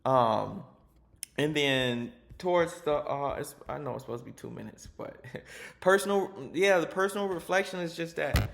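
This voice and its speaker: Passionate man with a gravelly voice. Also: a little high, lively intonation, moderate pace, a bit bright. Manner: passionate, emphatic. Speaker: teacher. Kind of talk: spoken personal reflection.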